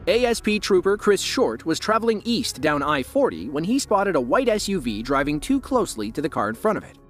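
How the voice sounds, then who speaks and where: A man with an American accent reading scripted true-crime narration. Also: fairly high pitch. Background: faint music.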